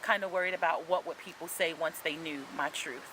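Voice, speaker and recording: An author in her forties talks in a casual interview, telling earnest, reflective, faith-centered stories with frequent "um"s as she gathers her thoughts. Her voice sits low and moves a little fast over a noisy background.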